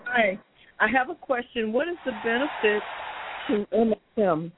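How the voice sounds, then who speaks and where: A woman's voice: on the high side, moderate pace, noisy background. A woman calling in to a radio show over a phone line, asking brief, polite questions. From United States. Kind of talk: call-in question.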